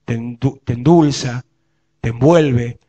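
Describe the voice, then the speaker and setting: A man's voice: mid-range voice, takes it slowly, mellow, breathy edge, lo-fi sound. A male pastor with a Rioplatense Spanish accent preaching a sermon and asking his congregation questions.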